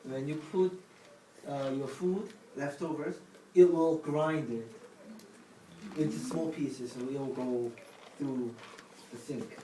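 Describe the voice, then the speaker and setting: A man casually explaining words to the camera, speaking haltingly with restarts and non-native phrasing. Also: medium pitch, steady tone, warm tone. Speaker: vlog host explaining words. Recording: echoey room from a distance, faint noise.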